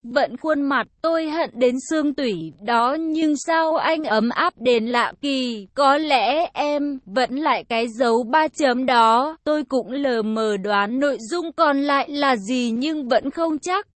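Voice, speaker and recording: A woman's voice: sits high, slow, few pauses, no room sound. A woman narrating a first-person story in a casual, conversational way.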